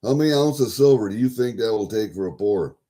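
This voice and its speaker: A man with a low, very mellow and relaxed voice hosts a casual livestream. He talks in a folksy, rambling way, thinking aloud and swearing freely as he addresses his viewers. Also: quick pace. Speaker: livestream host.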